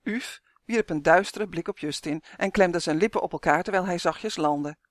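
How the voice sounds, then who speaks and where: A woman narrating a children's fantasy story in a measured, expressive way. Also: fairly low pitch, no echo, clean studio sound.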